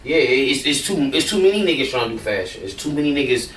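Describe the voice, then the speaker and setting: A man's voice: mid-range voice, animated, quick pace, a bit bright, roomy sound, distant mic, a little hiss or hum. A man, a rapper, talking casually and bluntly in an interview, rambling and swearing freely.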